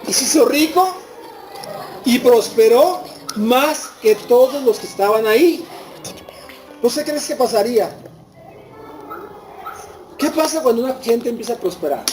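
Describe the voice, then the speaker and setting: A man's voice: extremely high pitch, lively intonation, a little slow, pauses often, darkish tone, faint music behind, poor audio. A man with a Mexican Spanish accent preaching a sermon to a congregation. He retells scripture as a story and puts rhetorical questions to his listeners.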